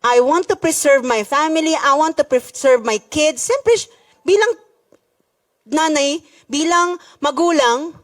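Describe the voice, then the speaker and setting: A middle-aged woman pastor with a Filipino accent, preaching a sermon in a church and switching between Tagalog and English. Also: high voice. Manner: preaching in mixed Tagalog and English with rising emphasis.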